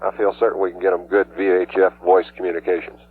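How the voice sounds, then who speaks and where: Deep-voiced man on a muffled radio loop. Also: monotone, quick pace, breathy edge. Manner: clipped technical jargon. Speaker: mission control flight controller. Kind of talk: technical radio loop communication. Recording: muffled narrow-band space mission radio loop.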